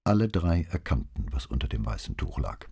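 A man narrating an audiobook in an even, measured way. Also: a bass voice, breathy edge. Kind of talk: audiobook reading.

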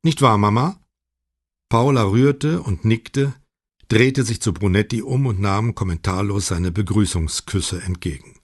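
A man reading a novel aloud in measured, even scripted narration. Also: fairly low pitch, dry recording, studio quality. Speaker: audiobook narrator.

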